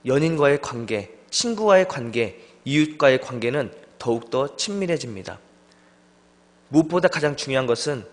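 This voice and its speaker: Young male preacher in echoing church. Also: medium pitch. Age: young adult. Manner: lively storytelling, acts out friends' voices. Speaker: junior pastor. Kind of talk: sermon. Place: church sanctuary. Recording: long church hall reverb.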